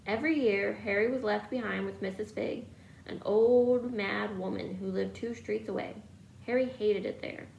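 A woman's voice: mid-range voice, fairly even intonation, moderate pace, creaky, a little mellow, reverberant, muffled recording, a little hiss or hum. A woman reading a novel aloud, telling the story steadily. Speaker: reader.

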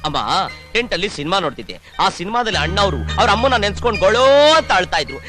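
A man's voice: high voice, lively intonation, very fast, over music. An actor playing a cocky, spoilt young village headman who banters and cracks cheeky jokes. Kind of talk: Kannada film dialogue.

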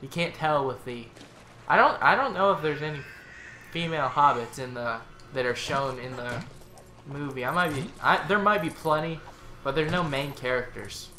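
Bright-voiced gamer coaching a partner. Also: medium pitch, normal speed. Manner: coaching, directs the partner, explains the game. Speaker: co-op game player and channel host. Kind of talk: casual gaming chat. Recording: echoey room with faint noise.

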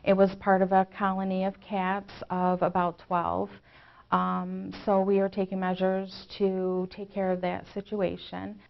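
A woman's voice: medium pitch, monotone, unhurried, vocal fry, muffled recording. A middle-aged woman in her forties answering interview questions off the cuff as a local official, in a small office.

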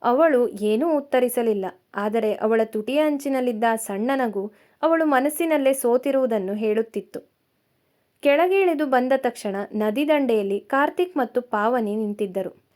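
A woman narrating a romance story in a calm, measured storytelling manner. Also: on the high side.

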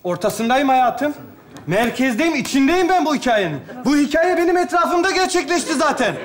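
Cheeky high-voiced man. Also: sing-song, moderate pace. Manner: cheeky, teasing. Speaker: sketch comedy actor playing a son-in-law. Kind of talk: stage sketch comedy.

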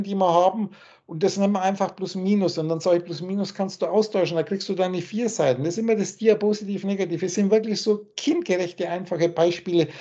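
A man on a video call, lecturing and scolding in a forceful, preachy way, with crude words thrown in. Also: high-pitched, breathy edge. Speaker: spiritual teacher. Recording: dull lo-fi call audio.

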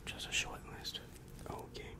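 A young adult man, an ASMR performer, whispers breathily into a large microphone held very close to his mouth while roleplaying a demon counselor. He asks his questions softly, slowly and in a measured way, from a small, dim indoor room.

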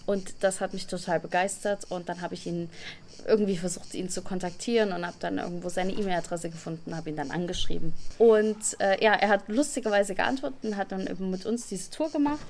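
A woman in her thirties with a German accent recaps a trip at an outdoor table in a relaxed, casual way and chimes in with corrections. Her voice sits at a middle pitch, and a faint background noise runs underneath. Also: brisk. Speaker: travel vlogger. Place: outdoor garden table in summer.

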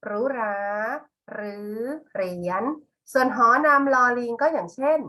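A middle-aged woman teaches a lesson at an unhurried pace, pausing to spell out each example word. Her voice sits a little high and sounds bright and clear. She sounds patient throughout. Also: animated. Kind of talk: slow, clear classroom lesson.

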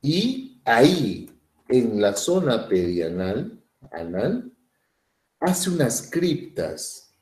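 A man's voice: medium pitch, big pitch swings, very slow, darkish tone, echoey room. A man teaching biology in a playful, chatty way, often checking in with tag questions. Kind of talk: animated classroom lecture.

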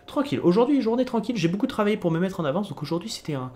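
A man's voice: high-pitched, big pitch swings, rapid-fire, dark tone, a little hiss or hum. A man streaming a game live, reading the story text aloud and chatting with viewers between votes. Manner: reads game text aloud, chats with viewers, laughs often.

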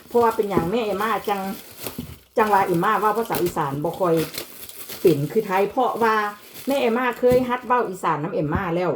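A vlogger mother with an Isan (Northeastern Thai) accent chats casually while cooking in her home kitchen, switching between Isan and Thai with her child. Her mid-range voice is fairly quick, and there's a little hiss or hum in the recording.

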